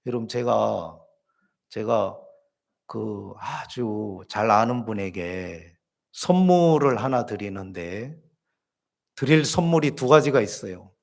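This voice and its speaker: Man, pastor, church sermon, lively storytelling, questions to the congregation. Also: lowish voice, slow, creaky.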